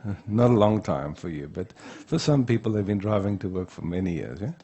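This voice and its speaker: A man giving an unhurried spiritual teaching talk at a retreat. He often checks in with the room by asking "yeah?". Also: low-pitched, expressive, dark tone, a little hiss or hum.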